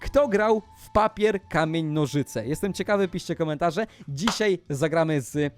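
A man narrating a Minecraft video as a gaming YouTuber, excitable and shouty, swinging between hushed asides and loud exclamations. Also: a little high, a little slow, soft background music.

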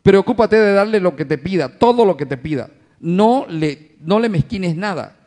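A pastor preaches in a fairly high male voice, calling his listeners brothers. He leans on rhetorical questions and acts out little scenes of home life to drive each point home. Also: lively intonation, normal speed, a little mellow. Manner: addresses the congregation as brothers. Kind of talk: sermon.

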